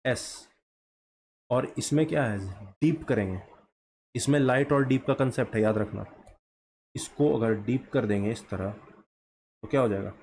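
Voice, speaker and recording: A man with a mid-range, darkish voice gives a slow shorthand lesson, drawing as he explains and posing questions he answers himself. There's a little hiss or hum in the recording.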